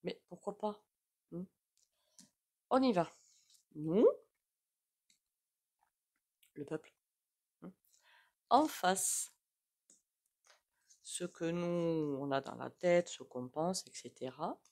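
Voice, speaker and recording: A woman's voice: fairly low pitch, extremely slow, long pauses, a little mellow. Chatty woman doing a tarot reading. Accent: French regional accent. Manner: chatty, rambling, frequent "hein" asides. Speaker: tarot reader. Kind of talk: casual tarot reading monologue to viewers.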